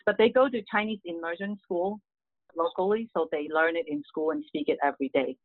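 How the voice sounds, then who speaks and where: A woman's voice: on the low side, fairly quick, dry recording. Middle-aged woman, earnest guest; tinny dry phone audio. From Hong Kong. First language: Cantonese. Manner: earnest, many "you know" fillers. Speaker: guest, real estate agent. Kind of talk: casual interview answers.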